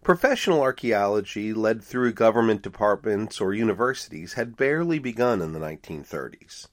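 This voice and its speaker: Speaking briskly in a lowish voice, this middle-aged podcast host tells stories casually and conversationally. He's an archaeologist, animated in manner and fond of wry asides.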